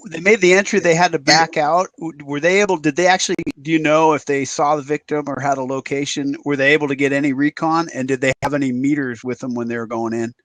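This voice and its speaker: A man's voice: on the high side, fairly even intonation, quick pace, hardly any pauses, a bit bright, no echo. A man hosting a podcast, explaining incidents in a casual, conversational way. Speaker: podcast host.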